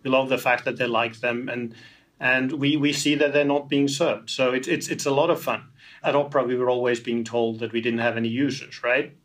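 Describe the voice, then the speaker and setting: A man's voice: medium pitch, little pitch movement, a little fast, fairly bright tone. A man from Iceland, answering interview questions as a company founder, often repeating words as he restarts. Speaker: tech company founder, guest.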